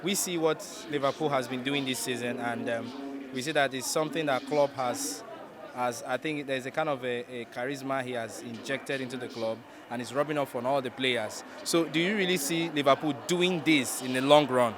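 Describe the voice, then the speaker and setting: A man's voice: medium pitch, moderate pace, a crowd in the background. A man asking questions in a casual football interview.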